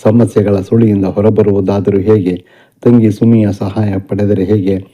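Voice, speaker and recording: Low, flat-voiced male audiobook narrator. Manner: steady, even reading. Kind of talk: scripted narration of an audio novel. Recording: dull lo-fi recording.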